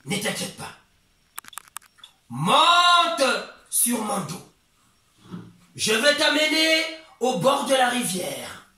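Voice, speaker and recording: A man voicing a falsely friendly, scheming male crocodile in a children's tale, with high coaxing questions and low, slow murmured promises. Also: very animated, pushed and bright, full character voice. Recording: echoey room from far off.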